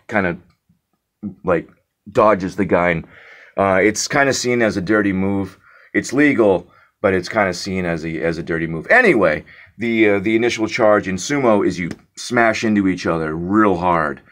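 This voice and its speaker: A young vlogger with a low, fairly bright voice rants casually to his viewers. He sounds exasperated and mocking, restarting often, using fillers, and repeating words for emphasis.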